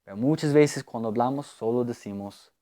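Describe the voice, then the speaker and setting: A man from the United States, an English speaker, teaching English grammar and often pausing on fillers and repeating words. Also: mid-range voice, dark tone. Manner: unhurried, hesitant, with many fillers and repeated words. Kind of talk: language lesson explaining grammar.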